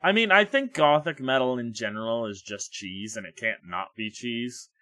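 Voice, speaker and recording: A man with a bright, forceful tone, talking about metal bands in a relaxed, wry way as a podcast co-host. He leans on "um" and "like" as he thinks aloud. The recording is dry and close. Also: mid-range voice, normal speed, no echo. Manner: relaxed, wry, filler-heavy. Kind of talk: casual music review chat.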